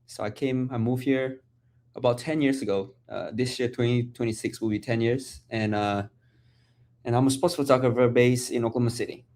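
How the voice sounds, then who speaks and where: A Malaysian man in his twenties, a sports photographer appearing as a guest on a podcast, talks casually in a medium-pitched voice at a moderate pace. He's relaxed and chatty in the conversation, repeating words as he searches for them.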